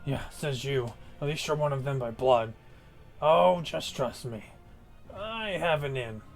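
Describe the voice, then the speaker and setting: A man voicing a grumbling, sly orc raider with a gravelly, slangy mutter in a tabletop game. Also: mid-range voice, a little slow, faint music behind.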